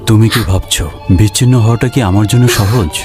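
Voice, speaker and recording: A man's voice: on the low side, fast talker, natural voice. An actor playing a steadfast, devout husband and father who speaks solemnly and earnestly, recorded as dubbed dialogue over music. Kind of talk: dubbed drama acting.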